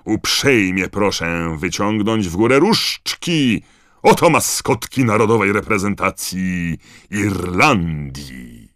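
A man voicing a booming male stadium announcer who calls out names to a crowd, in an audiobook reading. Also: very animated, slow, fairly bright tone, no room sound, studio quality, heavily acted. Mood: booming, announcing.

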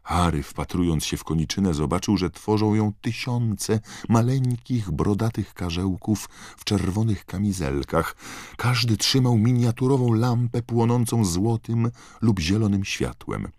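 A man reading an audiobook in a measured, unhurried scripted narration. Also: lowish voice, animated, darkish tone, no echo, studio quality.

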